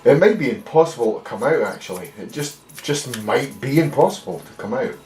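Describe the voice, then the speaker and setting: A Scottish man working through a casual workshop tutorial as a bass luthier, muttering wry jokes and swearing casually. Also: animated, a little fast, a little mellow, slight background noise. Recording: echoey room.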